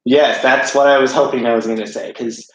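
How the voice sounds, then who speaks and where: A man's voice: mid-range voice, steady tone, brisk. A man reacting to his own old videos with blunt, sarcastic remarks in casual commentary. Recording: very echoey room.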